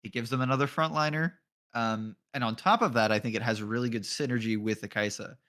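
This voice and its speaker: A man's voice: medium pitch, brisk, fairly bright tone. Laid-back man casting an esports draft. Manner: casual and joking, laughs often, swears offhandedly. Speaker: esports color commentator and league admin. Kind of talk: live esports draft commentary.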